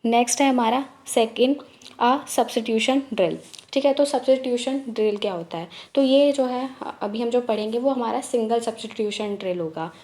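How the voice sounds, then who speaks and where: Bright-pitched woman explaining a lesson. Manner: slow, deliberate reading of English headings; steady step-by-step explaining with many fillers. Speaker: teacher-training tutor.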